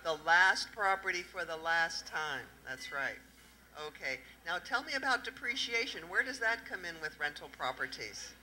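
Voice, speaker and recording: A middle-aged tax accountant with a Southern accent presents at a panel, speaking into a handheld microphone in an indoor event room. Her voice is on the low side yet very bright and sharp, at normal speed, and the audio is poor. Lively and interactive, she quizzes the live audience with questions and plays off their answers.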